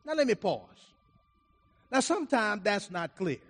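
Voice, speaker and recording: A man's voice: high voice, big pitch swings, unhurried, fairly bright tone, breathy edge. A man preaching a sermon, reading scripture aloud and explaining it, his volume rising and falling for emphasis. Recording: reverberant hall.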